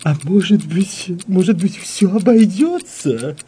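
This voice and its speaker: A man voicing a meek, tearful young countess in a high wailing falsetto in a read-aloud comic story. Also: lively intonation, slow pace, mellow, slightly rough, full character voice. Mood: pleading, tearful.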